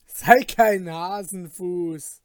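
A man's voice: high-pitched, slow pace, darkish tone, no room sound, clean studio sound. A man voicing a carefree, mocking male journeyman who teases his frightened companion in a read-aloud fairy tale. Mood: dismissive. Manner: teasing, dismissive, jovial.

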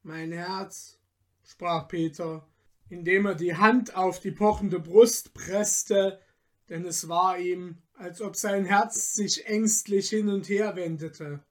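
A man narrates a storybook with a calm, measured delivery. His voice sits high for a man, and he takes the lines slowly and quietly. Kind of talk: storybook reading.

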